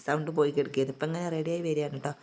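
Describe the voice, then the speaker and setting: A woman vlogging in a relaxed, homely way, with a voice still hoarse from illness. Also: sits low, very fast. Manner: chatty, homely, tags sentences with "tto". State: hoarse, recovering voice. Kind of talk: casual vlog narration.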